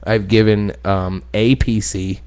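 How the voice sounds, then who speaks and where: A man co-hosting a podcast in casual chat, excitable, joking and profane. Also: fairly low pitch, slow, clean tone. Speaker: podcast co-host.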